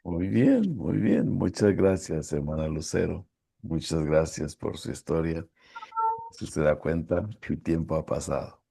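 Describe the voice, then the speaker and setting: A man's voice: extremely low pitch, expressive, unhurried, gravelly, warm tone, breathy edge, no echo, clean studio sound. A man interviewing a church member, thanking her courteously and formally. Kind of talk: closing an interview.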